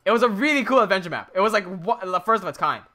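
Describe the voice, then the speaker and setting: A young Filipino streamer with an Americanized accent talks rapid-fire in a high, expressive, pushed and bright voice while building on a livestream. His chat is laid-back and rambling, with swearing and frequent laughter.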